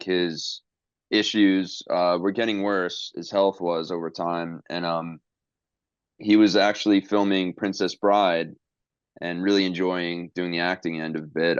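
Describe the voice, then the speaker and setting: A man's voice: low voice, smooth, no echo, highs cut off. A man hosting a podcast in casual chat, rambling and swearing, with lots of fillers and restarts. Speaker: podcast host.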